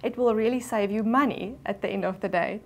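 A woman's voice: medium pitch, fairly quick, a little mellow. A middle-aged woman with a South African accent hosting a TV shopping show, talking up a product in enthusiastic, superlative-heavy sales talk. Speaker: TV shopping presenter. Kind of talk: TV shopping presentation. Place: TV studio set. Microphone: lapel mic.

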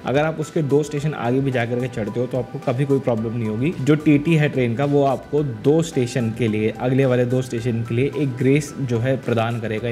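A young man speaks straight to camera in a chatty, animated explainer style, his voice sitting at an ordinary middle pitch. He is close on a lapel mic indoors, with light music playing underneath. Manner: chatty and animated, gestures while talking. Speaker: vlogger. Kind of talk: casual explainer vlog.

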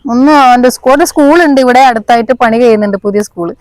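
A woman's voice: on the high side, quick pace, a little mellow, no echo, low-quality recording. A woman chatting casually to vlog viewers, mixing English words into her Malayalam. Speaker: vlogger. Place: outdoors on a village road beside fields.

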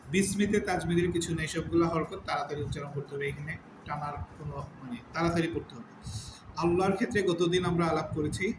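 Man teaching slowly in an echoey room. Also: a little high. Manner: explains step by step, repeating terms and drawing out recited words slowly. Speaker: Quran teacher. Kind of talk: religious lesson on word meanings and recitation rules. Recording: echoey room with steady background noise.

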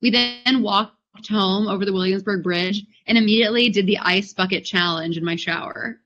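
A woman comedian telling an anecdote on a panel, animated and acting out the quotes. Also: medium pitch, normal speed. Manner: animated storyteller, acts out quotes. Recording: dull lo-fi audio.

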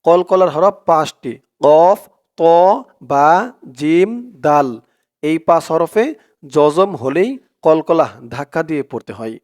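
This male tajweed teacher, whose voice is fairly high, darkish and clean, spells each letter and vowel mark aloud in a Bangladeshi Bengali accent. Once done, he chants the Quran verse slowly, stretching it out.

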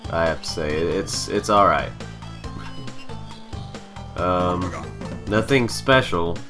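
Low-voiced man, a little far from mic. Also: expressive, takes it slowly. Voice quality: slightly distant from the mic. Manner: hesitant, rambling, self-deprecating. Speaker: host of a gaming video series. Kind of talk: casual let's play commentary. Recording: slightly far from mic, music behind. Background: video game music.

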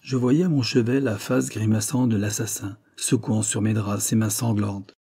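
A man's voice: lowish voice, steady tone, normal speed, warm tone, breathy edge, dry recording. A man reading an audiobook, voicing an anguished, guilt-ridden young man who confesses and breaks into desperate outbursts. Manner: tormented, rising to desperate outbursts.

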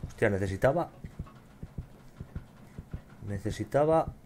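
A young man with a Spain Spanish accent commenting on his gameplay, excitable and swearing often as he shouts at enemies. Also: fairly low pitch, slow, slight background noise. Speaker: gamer.

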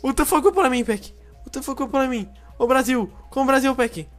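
A young man with a Brazilian Portuguese accent playing an online game with a friend, loud and excitable, yelling at the screen. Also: very high-pitched, normal speed, faint music behind. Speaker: gamer. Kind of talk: excited co-op gameplay chatter.

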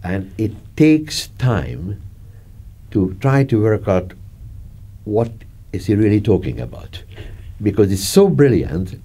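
Seated in an armchair in a dark studio, an older Hungarian-accented film director recalls his career in an interview, laughing and gesturing as he chats. His phrases halt and loop back. The voice is very deep, warm and mellow, with a breathy edge.

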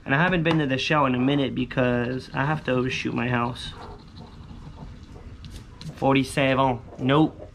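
A man's voice: medium pitch, fairly even intonation, normal speed, gravelly, long pauses, a bit bright. A man in his thirties chatting casually to viewers outdoors, slangy and repetitive, muttering hopefully to himself. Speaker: vlogger scratching lottery tickets. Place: outdoors on a covered poolside patio. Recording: outdoor ambient noise.

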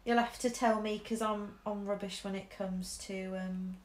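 Drawing at home in her living room, this young woman from Shropshire streams and chats casually in a mixed English Midlands accent. Her mid-range voice is fairly even at normal speed, with lots of ums, restarts and easy laughter. A camera over her shoulder picks up the echoey room.

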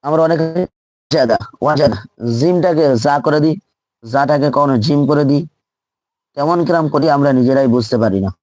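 A man's voice: on the high side, fairly quick, long pauses, a little mellow, no echo. A man teaching Quran reading in a live online lesson, drilling letters and syllables aloud and repeating each one patiently.

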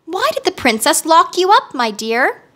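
A gracious young girl queen in a storybook , voiced by a woman. She is composed and courteous, quietly commanding, in a high, bright voice. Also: big pitch swings, moderate pace, full character voice. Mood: kindly.

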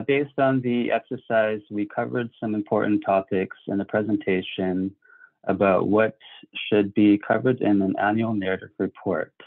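A man presenting a webinar over a video call, leading a group exercise in a halting way with apologetic fillers. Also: on the low side, no room sound. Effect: heard over a video call. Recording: dry, tinny video call audio.

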